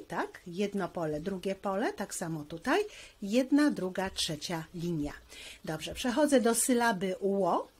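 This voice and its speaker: A woman teacher giving a handwriting lesson, explaining each stroke patiently, step by step. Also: medium pitch.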